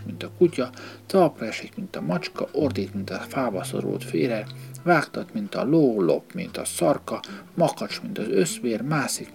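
A man's voice: fairly low pitch, gravelly, darkish tone, exaggerated voice. A man voicing a proud, mocking grass snake in a storybook reading, hissing his words.

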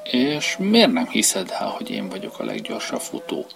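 A man voicing a boastful, cocky little male hare who shouts his claims, over violin music. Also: low-pitched, huge pitch swings, creaky, full character voice. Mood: questioning.

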